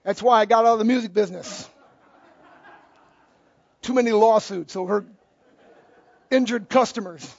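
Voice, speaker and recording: A man's voice: high-pitched, normal speed, gravelly, pauses often, no room sound. A middle-aged male pastor giving a conversational sermon with joking asides. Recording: dull, dry lo-fi recording.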